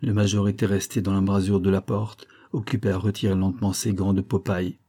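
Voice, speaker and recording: Give me a low, husky man reading a classic novel aloud. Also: little pitch movement, brisk, mellow. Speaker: audiobook reader. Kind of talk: scripted narration of a novel.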